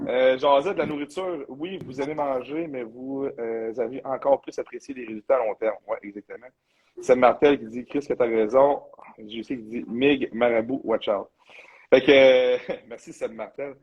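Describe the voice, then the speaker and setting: A man with a Quebec French accent chats loosely as a bodybuilding coach hosting a show. His voice sits at a middle pitch with a husky, slightly rough edge. He talks freely and drops English slang into his sentences. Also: normal speed, darkish tone, muffled recording. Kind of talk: casual live chat.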